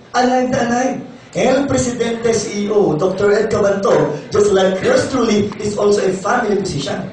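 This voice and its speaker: A hoarse middle-aged man with a Filipino accent, giving a lively, playful seminar talk and often asking the audience questions. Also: high-pitched. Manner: energetic, playful, often asks the crowd questions. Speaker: company doctor giving a sales seminar. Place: large seminar hall. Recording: very echoey hall, distant, faint room noise.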